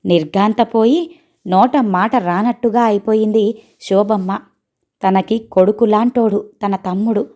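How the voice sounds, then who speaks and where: A woman reading a family story aloud as a storyteller, with a steady, even delivery. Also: medium pitch, measured pace.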